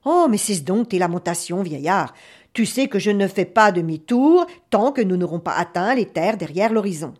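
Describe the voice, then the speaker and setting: A woman's voice: mid-range voice, expressive, moderate pace, lightly acted. A woman voicing a bold young viking chief. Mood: defiant. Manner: commanding, boisterous, shouting orders.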